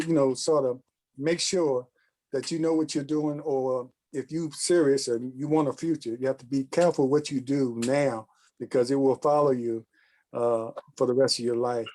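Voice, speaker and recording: A man hosting a casual talk show, giving measured, thoughtful commentary in long musing runs. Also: on the high side, a little mellow.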